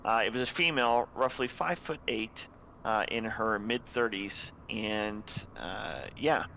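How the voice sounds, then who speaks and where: A young man narrating as dungeon master, laid-back and halting, with lots of fillers and chuckles. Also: fairly low pitch, sharp tone, slight background noise, rough recording. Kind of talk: narrating a tabletop game.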